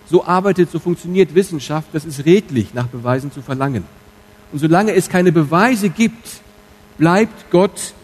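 A man preaching a sermon as pastor in church, speaking candidly and directly to his congregation, moving between quiet asides and loud emphatic stresses. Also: fairly high pitch, breathy edge, rough recording.

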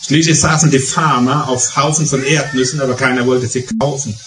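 A man's voice: mid-range voice, steady tone, brisk. A middle-aged preacher with a Palatinate German accent delivers a story-driven sermon and leans on emphatic repetition. His voice sits in the middle of the range for a man. He is recorded from a distance in a reverberant hall with faint music underneath.

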